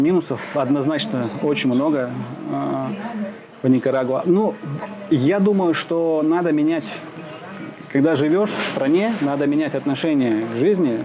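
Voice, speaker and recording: A man from Siberia being interviewed outdoors in the shade, answering slowly with many pauses, fillers and restarts. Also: on the high side. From Russia (Siberia). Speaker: interviewee, expat businessman. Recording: outdoor crowd noise behind.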